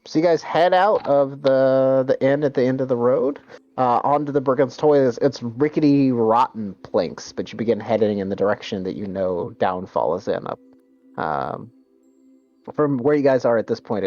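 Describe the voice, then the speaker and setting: A man's voice: mid-range voice, a little mellow, muffled recording. A man narrating a tabletop game as game master, hesitant, with many fillers and restarts.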